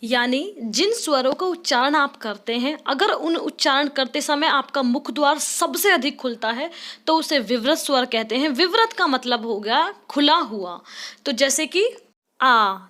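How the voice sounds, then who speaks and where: A woman's voice: sits high, lively intonation, measured pace, a bit bright. A woman teacher giving an online exam-prep lesson, explaining step by step and asking students to try each sound aloud.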